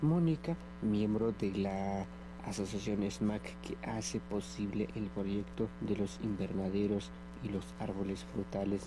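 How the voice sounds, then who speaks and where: A man reporting for a community radio news program, measured and flat. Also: fairly low pitch, background noise. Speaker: field reporter.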